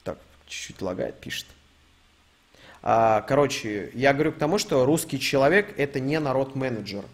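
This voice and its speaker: A man's voice: mid-range voice, expressive, moderate pace. A young man streaming, reading out donations and ranting in a casual, profane, rambling way. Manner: swears a lot, rambling with fillers.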